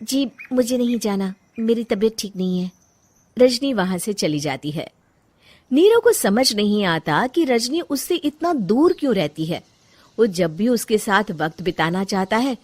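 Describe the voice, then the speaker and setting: A woman narrating a cartoon family story in a plain, even storytelling voice. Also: medium pitch, a little slow.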